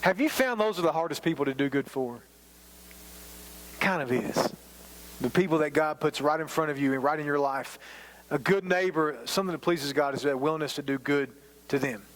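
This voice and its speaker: Conversational pastor in his forties, slightly high. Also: brisk, slight background noise, rough recording. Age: 40s. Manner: conversational, self-deprecating, rambling asides. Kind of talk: sermon.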